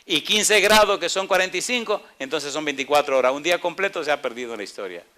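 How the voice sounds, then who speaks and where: A man preaches a sermon in a fairly high, bright and forceful voice. He tells the stories dramatically and keeps asking the congregation questions. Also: animated, quick pace. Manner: dramatic, acting out biblical dialogue, asks the congregation questions. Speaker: pastor.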